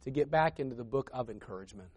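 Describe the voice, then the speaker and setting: A man preaching a sermon as a guest preacher, moving between quiet intimate lines and loud emphatic builds, reading scripture aloud. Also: medium pitch, lively intonation, rapid-fire, husky. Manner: reads scripture aloud between conversational asides.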